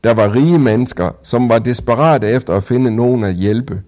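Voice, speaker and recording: A man reading a first-person children's story aloud in a calm, even storytelling manner. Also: medium pitch. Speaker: audiobook narrator.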